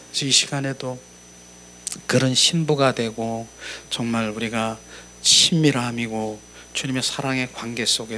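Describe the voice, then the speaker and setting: A middle-aged male pastor preaching a sermon at a church service, swinging between loud, emphatic exclamations and soft, quiet murmurs. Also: mid-range voice, slight background noise.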